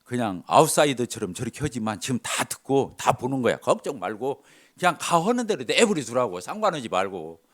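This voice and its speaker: A middle-aged male pastor tells church stories from the pulpit. His pitch rises and falls widely, and he acts out each person's words in a shifting voice. The pitch sits in the middle for a man. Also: fairly quick. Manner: animated, acts out dialogue with shifts of voice. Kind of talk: sermon storytelling.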